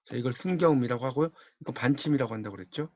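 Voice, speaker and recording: A man's voice: mid-range voice, rapid-fire, highs cut off. A man with a Gyeongsang accent giving a university-style lecture on Korean linguistics, explaining patiently and repeating key words.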